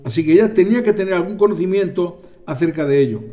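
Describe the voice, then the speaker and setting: A man preaching a sermon, animated, acting out voices and calling on the congregation for amens. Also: high-pitched, quick pace, dull audio.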